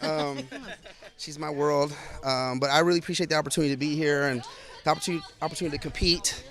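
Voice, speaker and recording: A man speaking as a competitor in a casual post-game interview, halting and emphatic. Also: a little high, fairly even intonation, fairly bright tone.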